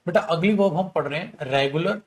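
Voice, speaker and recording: A man's voice: a little high, fairly quick. A man teaching an online English grammar class, chatty and coaxing, mixing Hindi talk with English example sentences. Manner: chatty, coaxing students with bhaiya and beta. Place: at home or in a studio, drinking tea while teaching.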